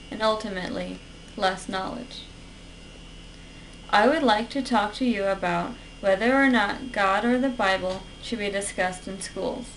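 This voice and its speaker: Young woman giving a class speech, distant mic. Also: medium pitch. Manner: earnest, structured delivery. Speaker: student. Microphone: camera at a distance. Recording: distant camera with faint hiss.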